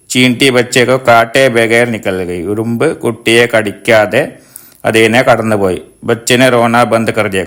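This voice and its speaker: A middle-aged man with a Malayali accent teaches an online class in a lowish voice. He reads a line of a story, then goes back over it and explains it word by word, patient and steady. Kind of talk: reading a folk tale in Hindi and explaining it in Malayalam.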